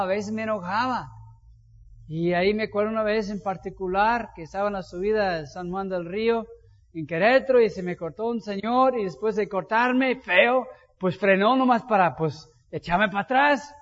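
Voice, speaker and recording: A man preaching a sermon as pastor, telling anecdotes in an animated way. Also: high-pitched, normal speed. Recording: dull lo-fi sound with long hall reverb.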